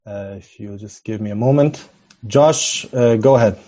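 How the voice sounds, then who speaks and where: A man chairing an online meeting in a semi-formal, halting way, thanking and introducing speakers. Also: lowish voice, dark tone, muffled recording. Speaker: session chair.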